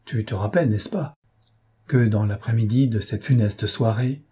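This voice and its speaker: A man's voice: lowish voice, moderate pace, warm tone, slightly rough. A man voicing an anxious, tender elderly aunt and governess, pleading and soothing by turns, in an audiobook. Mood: solemn.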